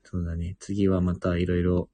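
A young man in his twenties chats with a Miyazaki dialect, easygoing and relaxed. His voice is very low, dark and husky. The sound is close and dry. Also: brisk, dry recording. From Miyazaki, Japan. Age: 20s. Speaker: podcast co-host. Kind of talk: casual chat.

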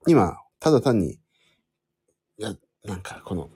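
A man's voice: lowish voice, big pitch swings, a little slow, mellow, slightly rough. A man hosting a casual solo podcast, rambling and correcting himself as he thinks aloud while fiddling with his phone. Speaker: podcast host. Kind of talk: casual solo chat to listeners.

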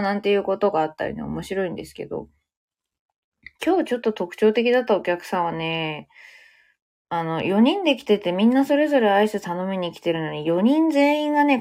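Chatty woman with lively pitch. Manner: chatty, animated, switches into English phrases. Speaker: podcast host. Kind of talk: casual solo podcast diary.

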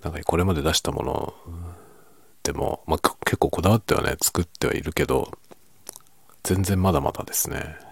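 A man speaks in a quiet, nighttime murmur, chatting casually and keeping his volume down. His voice is extremely deep, with a husky, creaky grain. It is recorded close and dry, and now and then it slips toward a whisper. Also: brisk, no room sound. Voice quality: low, gravelly, husky. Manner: quiet, hushed low-volume talking as if at night, drifting into whisper. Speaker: video creator and host. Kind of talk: late-night casual soft-spoken chat.

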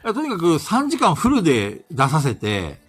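A man's voice: on the high side, wildly swooping pitch, normal speed, fairly bright tone, slightly rough, faint music behind. A man from Hokkaido hosting a casual online radio chat, teasing and laughing often. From Hokkaido, Japan. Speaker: radio show host.

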